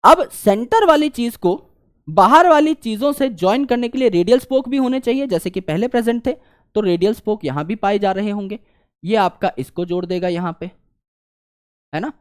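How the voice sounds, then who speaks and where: A man's voice: sits high, clean tone. Man teaching, asks and answers himself. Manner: repetitive, asks and answers own questions; swings between loud questions and quiet drawing mutters. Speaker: biology teacher. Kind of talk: online lecture drawing a diagram.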